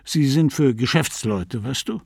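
A man reading a calm, self-assured middle-aged Dublin man who talks with confident authority. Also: medium pitch, a little slow, vocal fry, slightly rough, no echo, studio quality, full character voice. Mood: persuading.

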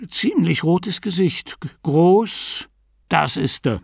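A man reading an ailing, touchy middle-aged Dublin man in a raised, animated voice. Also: a little high, slow, vocal fry, no echo, studio quality, voice pushed up, heavily acted. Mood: reminiscing.

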